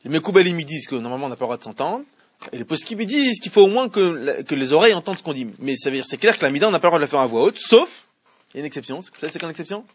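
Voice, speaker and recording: A man teaching a religious class, explaining with lively questions and chanting Hebrew verses slowly. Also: on the high side, slightly rough, dry recording, dull audio. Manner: animated, explains by asking questions. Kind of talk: Torah class with students.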